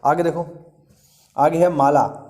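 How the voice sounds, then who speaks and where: A man's voice: fairly high pitch, fairly even intonation, slow, a little mellow. A man teaching an exam-preparation lesson. He repeats key words and often checks in with his students.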